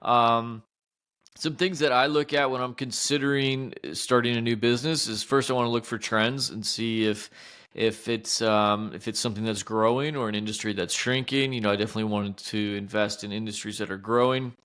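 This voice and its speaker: A man talks through money advice on a podcast in a relaxed, conversational way. His voice is clear and resonant, and he keeps things friendly with plain everyday examples. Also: mid-range voice, normal speed. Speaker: podcast co-host, accountant. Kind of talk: casual advice talk.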